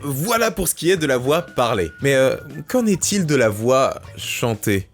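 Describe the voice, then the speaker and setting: A man's voice: medium pitch, sing-song, unhurried, faint music behind. A man hosting an online explainer video, talking casually and directly to viewers with slangy asides. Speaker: YouTube host.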